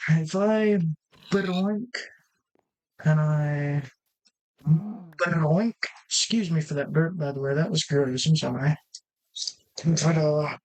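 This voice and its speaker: Gaming host, casual commentary, rambling, self-correcting, mid-pitched voice, desk mic. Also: darkish tone, rough recording.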